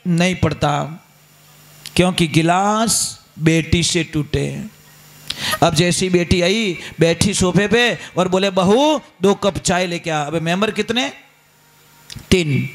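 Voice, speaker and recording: A man's voice: sits high, fairly bright tone. A man with a Rajasthani accent giving a folksy, storytelling sermon, often turning to ask his listeners questions. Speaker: religious storyteller.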